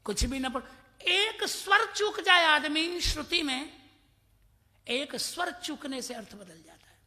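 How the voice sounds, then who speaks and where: Man in his 50s from mathura giving a scripture talk, high voice, long hall echo. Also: bright, forceful tone. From Mathura, India. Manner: storytelling, quoting Sanskrit verses; acts out voices in his anecdotes. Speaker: religious discourse speaker. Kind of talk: devotional scripture discourse.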